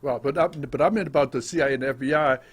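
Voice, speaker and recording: A man's voice: mid-range voice, racing. An American man hosting a radio show, interviewing casually and chiming in with short agreements.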